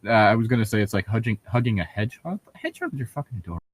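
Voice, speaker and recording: Reacting to a fan fiction reading, a male co-host banters casually, cracking jokes, sharing strong opinions, and swearing freely. His voice is fairly low with big pitch swings, he races along, and the recording is dry.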